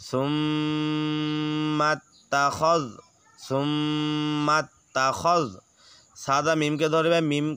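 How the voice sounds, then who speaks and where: Bright clear-voiced man teaching recitation. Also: medium pitch. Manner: explains rules quickly, then recites words slowly and drawn out. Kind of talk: spelling-out recitation lesson.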